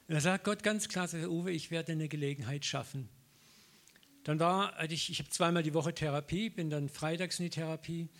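A middle-aged male preacher in an animated sermon. His voice sits a little high for a man, and he acts out every conversation he retells. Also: a little hiss or hum. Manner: lively storytelling, acts out dialogue, laughs often. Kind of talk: sermon with personal stories.

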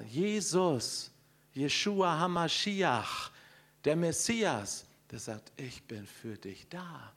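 A middle-aged man preaching to a congregation, his voice sitting a little higher than most men's. He swings between ringing, emphatic lines and sudden hushed stretches, and keeps throwing questions out to the listeners. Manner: animated, swings from loud emphasis to hushed quiet; addresses the congregation directly with questions. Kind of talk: sermon.

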